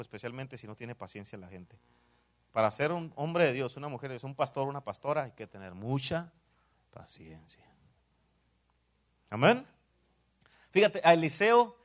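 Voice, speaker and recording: A man with a Mexican Spanish accent preaching a sermon in church, dropping to hushed asides and rising to loud exclamations, often saying amen. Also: a little high, brisk. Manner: swings between hushed asides and loud exclamations, repeats "amén".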